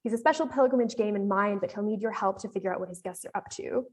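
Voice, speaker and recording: A woman's voice: medium pitch, quick pace, a little mellow. A woman with an American accent giving a casual, explanatory live demo presentation on a panel, talking with frequent fillers.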